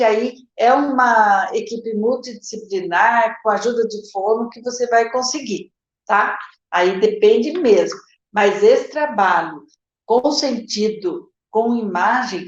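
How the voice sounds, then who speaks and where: In an echoey room with the highs cut off, a woman with a fairly high voice and a Brazilian Portuguese accent takes viewer questions live as a literacy teacher. Her manner is explanatory, walking through each step, checking in, and calling out "gente" and "tá?" to her audience.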